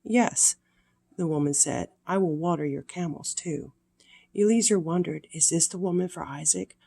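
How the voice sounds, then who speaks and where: An older woman with a creaky voice reads stories aloud to children in a sweet, grandmotherly manner, pausing for casual explanations. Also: on the low side, mellow. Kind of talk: read-aloud storytelling with casual explanatory asides.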